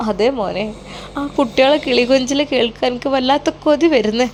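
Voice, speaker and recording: A woman playing an anxious older mother in a storybook tale, praying and pleading in a fretful, slightly high voice. Her colours every worried word. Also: normal speed, slight background noise, lightly acted.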